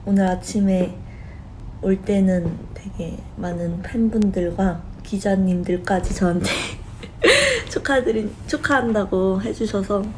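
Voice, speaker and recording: Young woman, live-stream host, loose friendly chat, laughs a lot, warm low-key timbre, faint background noise. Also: fairly even intonation, measured pace, rough recording. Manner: chatty and giggly, laughing often.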